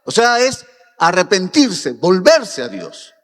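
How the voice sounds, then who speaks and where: A man's voice: sits high, wildly swooping pitch, slow pace, fairly bright tone. Impassioned preacher man in a reverberant hall. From Peru. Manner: impassioned preaching, rising to emphatic peaks. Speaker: pastor. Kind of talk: sermon. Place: church hall.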